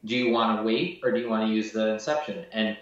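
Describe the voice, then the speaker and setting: Low-voiced man, echoey and far off. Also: fairly even intonation, fast. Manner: rambling, casual, many fillers. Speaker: guest, gun builder. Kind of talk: casual interview. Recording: echoey, distant, muffled.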